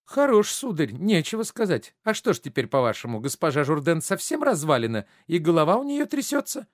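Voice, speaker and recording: A man reading a stage play aloud, voicing a middle-aged bourgeois wife who scolds her husband sharply, his voice pushed up high and loud. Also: very animated, normal speed, no room sound, clean studio sound. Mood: indignant. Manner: sharp, mocking, indignant.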